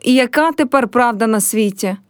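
A woman's voice: a little high, moderate pace, smooth, no room sound, studio quality, close to an everyday voice. A woman reading a play aloud and voicing a young village girl who is heartbroken and proud, speaking in a pleading, reproachful way.

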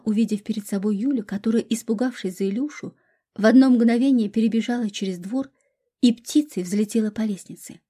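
A woman reading a story aloud as a narrator, steady and even. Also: on the high side, breathy edge. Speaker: audiobook reader.

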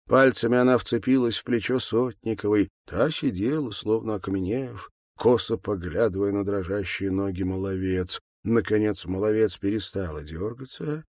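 A man narrating an audiobook in a calm, measured way. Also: fairly low pitch, no echo, clean studio sound. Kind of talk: audiobook reading.

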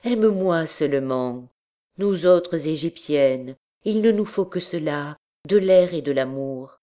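A woman's voice: low-pitched, animated, slow, warm tone. A woman voicing a young, desperate dancer girl who pleads passionately with the man she loves. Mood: devoted.

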